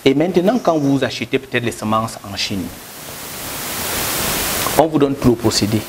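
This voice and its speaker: A man's voice: lively intonation, normal speed. A man, giving an interview in an emphatic, rhetorical way. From Cameroon. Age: 30s. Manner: emphatic, rhetorical, sweeping pitch swings. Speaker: company director, interview guest. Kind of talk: interview talk. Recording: echoey room with faint noise.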